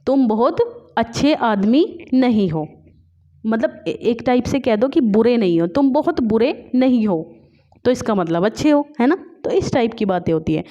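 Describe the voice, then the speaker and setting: In an online exam-prep class, a woman teaches English literature, explaining in Hindi mixed with English, often asking "है ना?" and reading English examples slowly. Her voice is fairly high and warm, captured in a dull, lo-fi recording.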